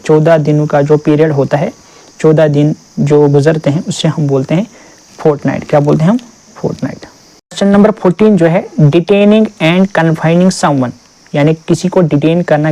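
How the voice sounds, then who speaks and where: A man teaching exam vocabulary, reading English definitions slowly and drilling each term with repeated questions. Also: on the high side, vocal fry, dark tone, poor audio.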